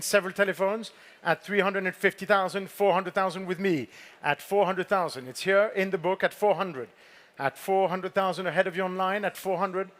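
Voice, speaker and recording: High-voiced man, fine art auctioneer calling bids. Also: fairly bright tone. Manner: poised, formal fine art auctioneer delivery, polite prompts to bidders. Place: auction saleroom with bidders present.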